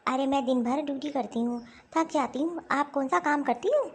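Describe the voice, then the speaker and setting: Bossy young daughter-in-law, scolding and dismissive, high voice. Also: female voice, normal speed, a little hiss or hum. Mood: indignant. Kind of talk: Hindi cartoon dialogue.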